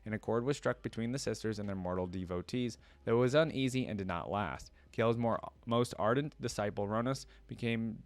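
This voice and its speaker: A reaction video host alternates between reading a story aloud and informal commentary where he thinks out loud. His lowish voice is fairly quick, with hardly any pauses, and there's no room sound.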